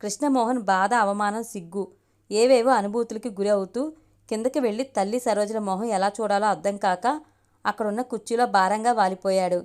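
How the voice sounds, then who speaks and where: A woman's voice: medium pitch, normal speed, a little mellow. Woman narrating a family story.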